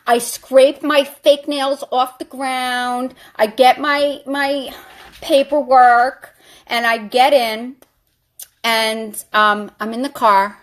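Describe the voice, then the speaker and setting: A woman vlogger chatting animatedly, telling a story while doing her makeup. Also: medium pitch.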